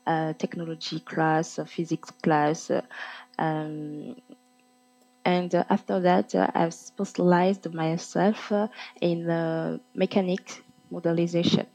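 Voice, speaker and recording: A woman in her twenties from Ivory Coast, a native French speaker, answering in halting English with an Ivorian French accent in a casual interview. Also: on the low side, steady tone, gravelly, mellow, low-quality recording. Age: 20s. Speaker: interview guest.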